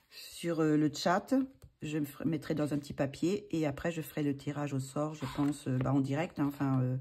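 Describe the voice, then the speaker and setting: Low, mellow-voiced woman chatting hesitantly. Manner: hesitant, many fillers and restarts. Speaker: channel host showing books for a giveaway. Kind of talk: casual chat.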